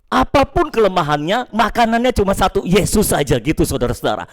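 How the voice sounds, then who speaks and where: A man preaching a sermon to a congregation, emphatic, jumping up in pitch and slowing on key phrases, then dropping low to address the listeners. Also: sing-song. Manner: emphatic, with leaps up in pitch and slowed stressed phrases. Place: church.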